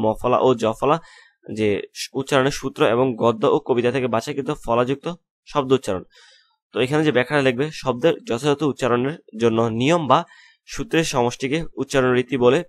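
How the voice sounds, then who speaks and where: A young man tutoring students online, walking through a homework assignment with repeated step-by-step instructions. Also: medium pitch. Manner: rapid, repetitive instructions to students. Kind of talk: assignment walkthrough lesson.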